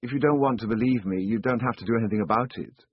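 A man's voice: mid-range voice, fast, slightly rough, no echo, pitched above the performer's own voice, lightly acted. A man voicing an earnest young male traveler defending what he saw, with a dull, dry recording. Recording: dull, dry studio sound.

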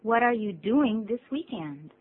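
A woman co-teaching a radio English lesson, reading model sentences clearly and repeating each. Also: mid-range voice, animated, a little slow. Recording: tinny phone-like radio recording with faint hum.

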